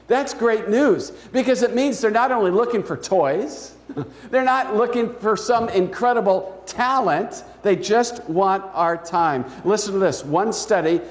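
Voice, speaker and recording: A man preaching in a church sanctuary with a fairly high voice, telling stories and easing his phrase endings down quietly. The sound rings with the long reverb of a big hall. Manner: storytelling, with soft, slowed endings. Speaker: pastor. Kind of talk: sermon.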